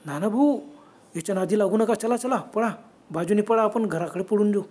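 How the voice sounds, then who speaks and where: A panicky young farmhand, put on by a man telling a horror story, whose voice climbs higher and louder as he urges his companion to flee. His pleading comes quickly and stays breathless with fear. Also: lightly acted. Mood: panicked, urging. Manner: urgent, pleading.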